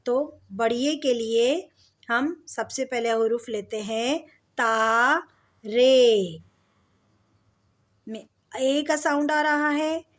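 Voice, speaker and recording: A woman teaching a slow alphabet lesson, patiently stretching out each example word for her pupils. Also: high voice. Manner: patient, drawn-out words for pupils. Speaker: Urdu teacher.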